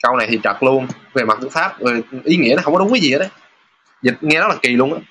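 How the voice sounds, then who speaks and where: A man teaching a casual lesson over test questions, chatty, pausing with filler sounds and reading example sentences aloud slowly. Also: mid-range voice, expressive, pushed and bright, slight background noise. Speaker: Japanese teacher.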